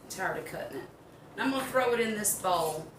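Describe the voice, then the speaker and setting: A woman's voice: medium pitch, expressive, a little fast. An older woman with a Southern US accent chatting casually in a folksy, rambling way as she gives a home cooking demonstration. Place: home kitchen. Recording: roomy, distant mic, background noise.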